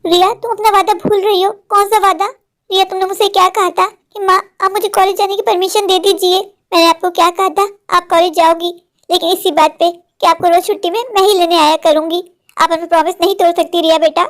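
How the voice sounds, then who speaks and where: Lady doing a clingy worried cartoon mom, super high voice, keeps saying my darling. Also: fairly even intonation, brisk, a bit bright. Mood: insistent. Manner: doting, insistent, says "meri jaan". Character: anxious, possessive village mother. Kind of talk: Hindi cartoon voice acting.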